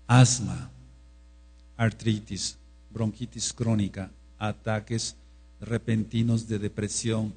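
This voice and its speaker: A man preaching a sermon, with a dark, husky voice. His delivery is emphatic and repetitive, dropping low and quiet, then rising loud to drive a point home. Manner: emphatic, repetitive, swings between hushed and loud.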